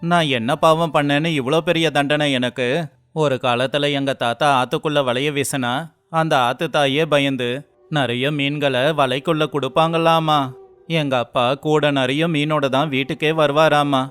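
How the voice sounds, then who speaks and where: A man's voice: on the high side, steady tone, moderate pace, a bit bright, clear, resonant tone, dry recording, soft background music, lightly acted. A man voicing a poor young fisherman who laments earnestly and tearfully in a storybook tale. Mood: despairing. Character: poor young fisherman, despairing yet kind. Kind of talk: storybook voice acting.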